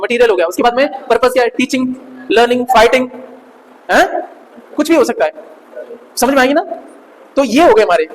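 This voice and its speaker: Fast-talking joking male teacher. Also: very high-pitched, big-room sound, low-quality recording. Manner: chatty, jokes with students, quizzes them. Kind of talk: classroom grammar lesson.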